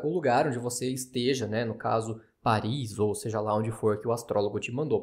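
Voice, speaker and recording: A man with a Brazilian Portuguese accent talks casually as an astrologer hosting his own podcast. He has a gravelly, mid-pitched voice. He explains points in a chatty, skeptical manner, often checking in with the listener. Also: a little mellow. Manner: chatty, skeptical, with frequent tag questions.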